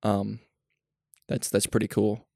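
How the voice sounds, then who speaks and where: A young man with a lowish voice talks in long, excited rambles, piling up one thought after another and then laughing at himself for going on too long. The recording is dry and close, with no room sound around him. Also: slow, vocal fry, no echo. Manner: rambling, enthusiastic, self-deprecating, laughs often. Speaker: podcast co-host. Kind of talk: casual chat.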